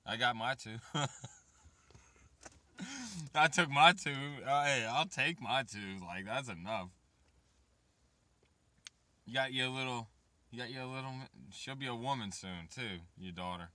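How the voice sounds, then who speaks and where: A man's voice: medium pitch, a little slow, long pauses, sharp tone, no echo. A man of thirty chatting casually and profanely to his viewers, rambling about waiting and raising kids. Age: 30s. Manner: rambling and profane, talks straight to chat. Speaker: vlogger.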